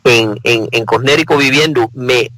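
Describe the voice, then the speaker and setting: A man's voice: medium pitch, normal speed, pushed and bright, dry recording, low-quality recording. Earnest Puerto Rican man, dry sound. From Puerto Rico. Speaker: panel guest. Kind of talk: casual panel discussion.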